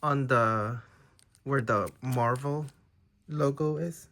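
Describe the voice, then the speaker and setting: Slowly and in a fairly bright, mid-range voice, a man whose first language is Tagalog casually presents a stack of trading cards he collected, often unsure about the details.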